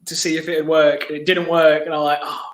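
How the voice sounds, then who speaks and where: A man with a fairly high voice chats casually in a roomy, echoey space. He is a laddish, matey musician guest who pokes fun at himself. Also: flat delivery, fairly quick. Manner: laddish, matey, self-deprecating. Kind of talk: casual chat.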